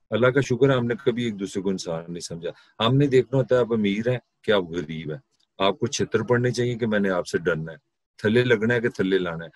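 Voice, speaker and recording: A man's voice: on the low side, dry recording. A middle-aged man with a Pakistani Urdu accent giving a university class lecture, conversational, mixing in English terms and sarcastic asides.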